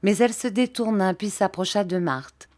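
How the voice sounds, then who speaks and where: A woman reading a classic novel aloud in a measured, even storytelling manner. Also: mid-range voice. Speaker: audiobook reader.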